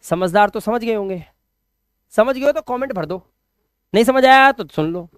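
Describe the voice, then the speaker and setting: A man's voice: high voice, animated, moderate pace, clean tone, no room sound, clean studio sound. A young man teaching spelling rules in Hindi, playful, repeating words and coaxing viewers. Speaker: English teacher. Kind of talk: lively spelling lesson, live stream.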